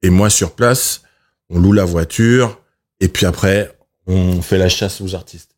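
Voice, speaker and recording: A middle-aged man from France with a lowish voice, chatting as a guest journalist. He spins lively anecdotes and slips into the voices of the people he quotes. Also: measured pace. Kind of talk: casual storytelling chat.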